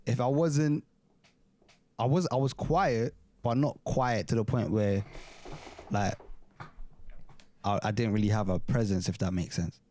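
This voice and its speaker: A man's voice: lowish voice, unhurried, pauses often, mellow. A man in his twenties with a London roadman accent, co-hosting a casual, slangy, talkative chat. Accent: London urban roadman slang accent. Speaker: podcast co-host.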